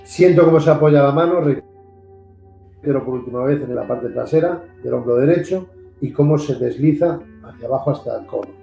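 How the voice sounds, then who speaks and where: Spanish-accented man, gravelly and mellow, earnest storyteller repeating points for emphasis, echoey room with faint guitar behind. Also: mid-range voice, a little fast. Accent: Spanish from Spain. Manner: earnest, repeats himself for emphasis, acts out the voices in his story. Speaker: paranormal investigator, host. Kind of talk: animated storytelling in a video interview.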